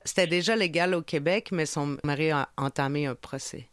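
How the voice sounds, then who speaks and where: A woman's voice: deep voice, normal speed, no room sound. Woman radio host, casual interviewer, short replies, dry close mic. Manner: brief affirmations and gentle laughs.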